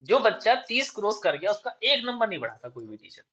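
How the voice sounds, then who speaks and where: A man's voice: sits high, big pitch swings, sharp tone, dull audio. A man teaching chemistry, lecturing his class and dictating answers to write down. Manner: switches between rapid chat and slow word-by-word dictation.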